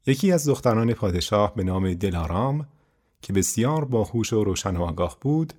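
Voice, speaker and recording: A man with a low, husky voice reads a folk tale for a podcast. His delivery is calm and measured, a storyteller's pace. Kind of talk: scripted storybook narration.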